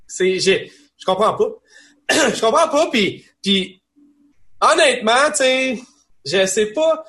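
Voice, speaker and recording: A young man with a Quebec French accent, co-hosting a casual gaming chat, rambling and animated with many restarts. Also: very high-pitched, takes it slowly. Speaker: podcast co-host.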